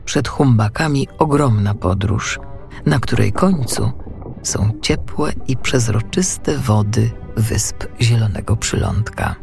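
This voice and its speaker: A man narrating a children's storybook in an expressive reading style. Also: lowish voice, gravelly.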